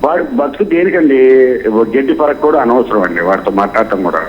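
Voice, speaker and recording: A man's voice: mid-range voice, animated, brisk, a little hiss or hum. Fiery male caller on a phone line. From Guntur, Andhra Pradesh. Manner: fiery, repetitive, moralizing. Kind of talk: phone-in call.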